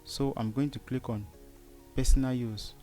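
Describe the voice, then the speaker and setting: Soft background music accompanies a Cameroonian-accented man narrating a step-by-step screen tutorial. His voice is mid-range and mellow, with fairly even intonation at a moderate pace, and he habitually asks a quick question before answering it himself.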